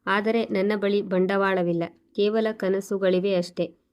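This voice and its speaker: Cold ambitious young husband from a storybook tale, read by a woman narrator, flat and even, level tone. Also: mid-range voice, unhurried, smooth, natural voice. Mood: earnest.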